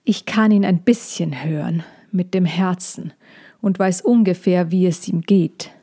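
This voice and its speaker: A woman voicing a worried, hushed female dragon. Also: on the low side, a little slow, husky. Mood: shaky hushed. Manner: sharp at first, then trembling and hushed.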